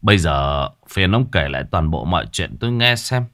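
A man voicing a shrewd exorcist master who speaks in a measured, authoritative way. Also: sits low, animated, fairly bright tone. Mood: calm. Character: shrewd male exorcist master, calm and mercenary.

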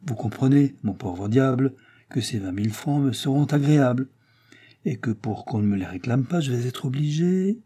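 A man reading an audiobook and voicing a smooth-talking, menacing male villain with falsely genial politeness. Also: medium pitch, animated, moderate pace, mellow. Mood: mock-polite.

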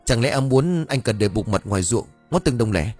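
A man's voice: medium pitch, lively intonation, fairly quick, a little mellow, soft background music, lightly acted. A man voicing a greedy young husband who is defiant and scheming, talking brusquely and defensively.

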